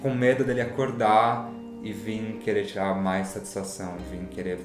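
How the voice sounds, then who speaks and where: A man's voice: on the low side, level tone, normal speed, reverberant, music in the background. A man, reflectively telling his personal story. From São Paulo, Brazil. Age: 20s. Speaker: interviewee. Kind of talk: personal testimony.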